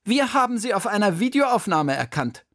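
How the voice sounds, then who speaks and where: A man voicing a stern female school principal in a children's radio story, slow and formal. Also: mid-range voice, very animated, no echo, clean studio sound, pitched above the performer's own voice.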